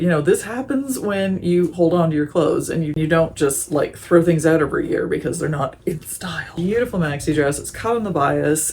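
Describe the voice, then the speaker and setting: A chatty woman vlogger talks through her wardrobe in a relaxed, casual way. She gushes with enthusiasm over each piece. Faint noise hums behind her voice. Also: sits low. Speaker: fashion vlogger. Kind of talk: casual chat.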